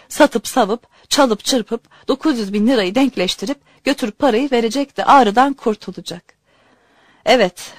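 Woman reading a story out loud, lively and chatty, kinda high voice, dry close sound. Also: no room sound. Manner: expressive, conversational storytelling. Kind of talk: storytelling narration.

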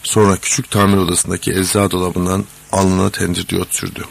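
Male audiobook narrator; deep, rough, husky, measured and dramatic. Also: little pitch movement. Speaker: audiobook reader. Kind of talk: scripted narration.

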